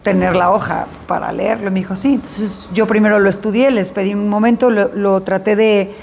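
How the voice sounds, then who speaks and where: Actress in an interview, woman, animated storyteller who voices the people she quotes, faint room noise. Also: mid-range voice, moderate pace, creaky. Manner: animated, acts out dialogue in her story.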